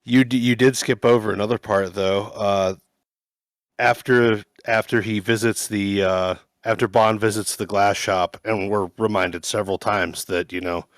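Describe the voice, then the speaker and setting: Dry sarcastic man, lower voice. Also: steady tone, moderate pace, no room sound. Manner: dry, sarcastic, recounting scenes. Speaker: podcast guest. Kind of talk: casual review chat.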